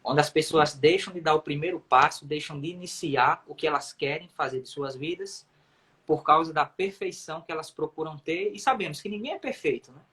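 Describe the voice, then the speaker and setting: A man's voice: fairly high pitch, bright, forceful tone. Man explaining his views thoughtfully. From Brazil. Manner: reflective, explanatory, measured opinions. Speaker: guest. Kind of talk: casual chat.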